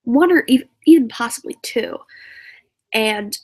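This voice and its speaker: A woman's voice: fairly high pitch, expressive, unhurried, a little mellow, low-quality recording. A teenage girl from Indiana chatting on a live stream, rambling and giggly with lots of fillers and asides. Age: teens. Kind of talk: casual live-stream chat.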